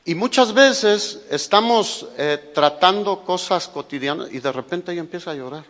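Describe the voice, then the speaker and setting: An expressive, high-pitched man with a fairly bright tone and a Mexican Spanish accent preaches a sermon as a pastor at a moderate pace. His delivery is emphatic and full of rhetorical questions to listeners, recorded in an echoey hall.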